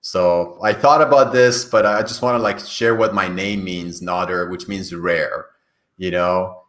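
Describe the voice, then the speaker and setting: Recorded in a reverberant, echoing room, this Iranian career coach, a native Farsi speaker and podcast guest, gives earnest explanations in a conversational interview. He speaks unhurriedly in a low, steady voice that is a bit bright.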